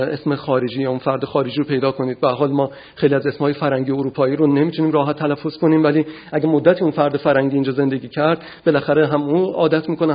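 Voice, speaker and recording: A man lectures on philosophy in a measured, deliberate way, often pausing mid-sentence to search for the next word. His voice is slightly high for a man and has a husky edge. The recording sounds muffled and lo-fi. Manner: measured, frequent hesitations.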